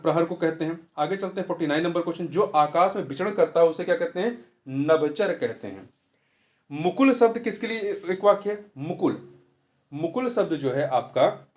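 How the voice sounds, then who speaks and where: A man tutoring through a Hindi test paper, explaining each answer step by step and repeating the key words. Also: on the high side. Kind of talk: test-paper walkthrough lesson.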